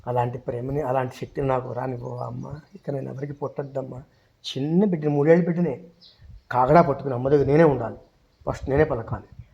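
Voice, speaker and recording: A man praying aloud with deep devotion, pleading and fervent, chanting verses and shifting between soft murmurs and loud cries. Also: vocal fry, lo-fi sound, slight background noise. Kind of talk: emotional devotional prayer.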